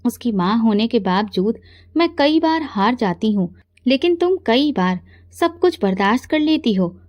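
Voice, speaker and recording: A woman voicing an older, weary mother-in-law who speaks gently in a storybook reading. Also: fairly high pitch, animated, unhurried, no room sound, dull audio. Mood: admiring.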